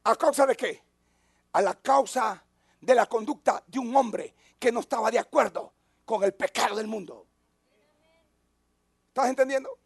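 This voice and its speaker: A man preaching a sermon as a pastor, who drops to near-whispers and then rises to shouts. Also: very high voice, moderate pace, vocal fry, long pauses, breathy edge, dry recording.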